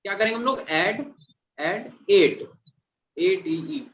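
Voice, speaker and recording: Man teacher, fairly high voice, dull lo-fi classroom recording, repeats and quizzes students. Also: animated, slow pace, a bit bright. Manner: repeats and quizzes students, calls them "beta". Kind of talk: classroom chemistry lecture.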